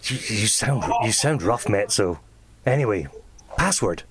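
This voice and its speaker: A gruff, thuggish doorman barks his challenge in a high, jumpy voice, as a man puts him on. The delivery swings up and down, with a blunt, pushy edge. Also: animated, a little slow, slight background noise. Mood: suspicious.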